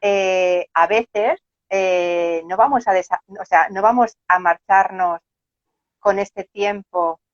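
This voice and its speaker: Presentadora, acento español, habla reflexiva y titubeante, sonido seco y algo apagado. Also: female voice, mid-range voice, steady tone, slow pace, no room sound. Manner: thoughtful, hesitant, many fillers. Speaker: host. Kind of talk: live conversation on non-duality. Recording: dry, muffled live-stream audio.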